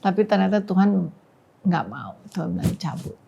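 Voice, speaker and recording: A woman giving an emotional personal testimony on a talk podcast, dropping to a hush when she quotes prayers. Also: mid-range voice, normal speed, a little hiss or hum. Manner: emotional storytelling, quoting prayers softly. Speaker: podcast guest.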